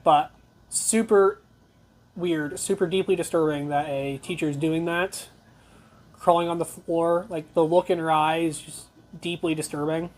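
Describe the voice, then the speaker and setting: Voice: medium pitch, fairly even intonation, a little slow, darkish tone. A talk show host giving blunt, conversational news commentary, reading reports aloud with opinionated asides.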